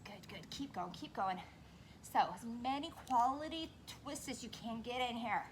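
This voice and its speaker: A woman leading a workout while exercising along, somewhat breathless, giving short form cues and steady encouragement. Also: a little high, normal speed, slight background noise. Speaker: fitness instructor leading a workout. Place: indoors on carpet.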